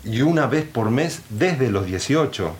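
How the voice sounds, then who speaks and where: An actor playing a bitter, irreverent son in a theatrical radio drama, sarcastic and crude in manner. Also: male voice, mid-range voice, lively intonation, a little slow, lightly acted. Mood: sardonic. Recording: roomy stage sound with hiss.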